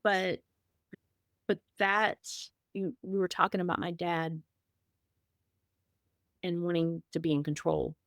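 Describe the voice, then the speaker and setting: A woman's voice: lowish voice, little pitch movement, takes it slowly, long pauses, a bit bright, dry recording, studio quality. A middle-aged woman on a podcast, telling her story in a candid, emotional way, with many restarts and fillers. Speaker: podcast guest sharing her grief story. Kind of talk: casual conversational storytelling.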